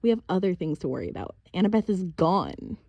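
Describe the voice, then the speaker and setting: A woman's voice: lowish voice, big pitch swings, a little fast, warm tone, no room sound, muffled recording. A woman reading an audiobook, voicing a tough, blunt teenage girl who talks in a clipped way. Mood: snappy.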